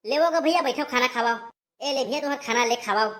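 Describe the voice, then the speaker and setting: A woman's voice: high voice, fast, fairly bright tone. A woman voicing a hospitable village priest with a Chhattisgarhi accent in a cartoon. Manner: hospitable, folksy. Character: friendly village male temple priest.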